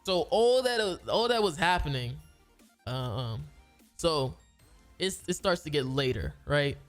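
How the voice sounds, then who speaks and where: A man with a fairly high voice tells a story in a loose, rambling way. He restarts his sentences and uses a lot of slang. Soft music plays quietly behind him. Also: lively intonation, measured pace. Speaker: gaming video creator. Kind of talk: casual storytelling.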